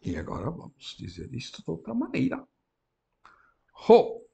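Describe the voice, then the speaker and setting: A man with a Brazilian accent, teaching an introductory Greek class and slowly reading Greek phrases aloud. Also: medium pitch, huge pitch swings, creaky, darkish tone. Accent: Brazilian Portuguese. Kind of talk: university lecture.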